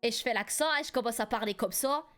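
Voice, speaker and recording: Young woman streamer, animated storyteller, faint music underneath. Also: on the high side, fast. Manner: animated, laughs often, rises sharply when indignant. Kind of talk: casual live-stream storytelling.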